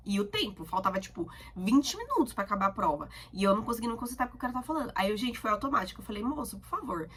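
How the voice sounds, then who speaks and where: A woman's voice: mid-range voice, slight background noise. A talkative young woman with a Brazilian accent, chatting casually to camera as a student vlogger. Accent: Brazilian Portuguese. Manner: chatty, talkative, animated storytelling.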